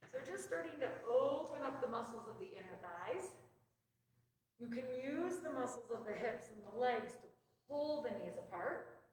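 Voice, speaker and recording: A woman with a fairly high voice guides a stretching and breathing class. Her manner is gentle and encouraging as she gives instructions. She sounds set back from the microphone in a very reverberant room. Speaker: yoga and meditation instructor. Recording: very echoey room, distant mic, faint noise.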